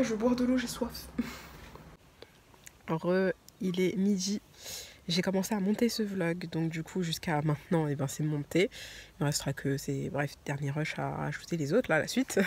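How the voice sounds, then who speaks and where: A woman's voice: low-pitched, breathy edge. A woman in her twenties chatting casually in a vlog, telling stories to the camera and laughing often. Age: 20s. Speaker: vlogger. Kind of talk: casual chat.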